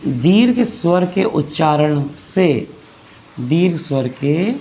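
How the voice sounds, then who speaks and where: A man's voice: a little high, animated, slow pace, mellow, slight background noise. A man teaching a grammar lesson, explaining patiently, repeating phrases and asking rhetorical questions. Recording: dull lo-fi recording.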